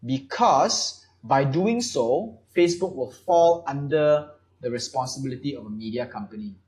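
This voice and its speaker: A man's voice: mid-range voice, expressive, moderate pace, a little mellow. A man from Malaysia hosting a casual panel chat, explaining at length with many fillers. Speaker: podcast host.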